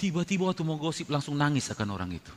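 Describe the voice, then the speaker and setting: A pastor preaching a sermon, swinging from loud emphatic bursts to low murmured asides as he addresses his congregation. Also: very animated, rapid-fire. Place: church hall. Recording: long reverb of a large hall.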